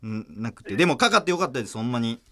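A man with a Kansai accent hosting a casual comedic radio chat, bantering and quick to laugh and retort. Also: medium pitch, sing-song, fairly bright tone. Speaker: radio show host. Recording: music playing behind the voice.

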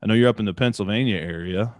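A man's voice: lowish voice, racing, a little mellow, no echo, studio quality. Man with a radio announcer voice. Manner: upbeat, polished introductions. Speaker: podcast host. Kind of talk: podcast interview.

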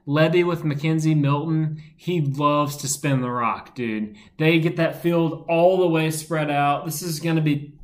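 Loose, chatty male co-host for sports talk; a bit high, roomy recording. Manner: loose, chatty, laughs easily. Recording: roomy echo.

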